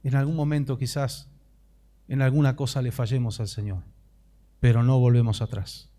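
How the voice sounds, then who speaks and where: A man's voice: medium pitch, steady tone, moderate pace, mellow. A man preaching a sermon as pastor, impassioned and rising into fervent prayer.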